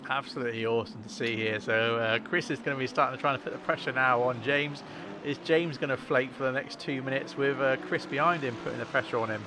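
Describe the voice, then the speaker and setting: A man hosts a livestream, chatting casually through motorsport commentary on a sim race. His mid-range voice stays steady while he talks fast, with engine noise clearly audible behind him.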